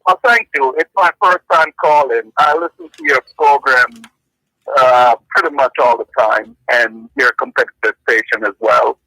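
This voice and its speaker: A man from Jamaica calling in to a radio show over a clipped phone line from his car, talking in a concerned, halting way and repeating words. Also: medium pitch, pushed and bright, dry recording. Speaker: caller. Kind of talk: call-in radio chat.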